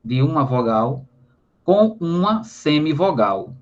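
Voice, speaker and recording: A man's voice: on the high side, big pitch swings, slow pace. A Brazilian man with a Brazilian Portuguese accent, a teacher explaining grammar in a recorded online lesson, often adding tag questions and spelling out syllables. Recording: slightly dull lo-fi audio.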